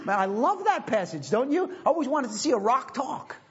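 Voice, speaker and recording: A man's voice: very high-pitched, very animated, brisk. A man preaching a sermon as pastor, emphatic and repeating phrases for stress, on a dull lo-fi recording.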